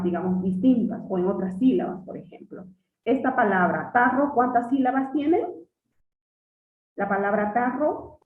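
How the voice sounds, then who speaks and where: A woman teacher giving a classroom lesson, patiently quizzing her students and repeating key words slowly. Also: on the high side. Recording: distant echoey phone-like sound.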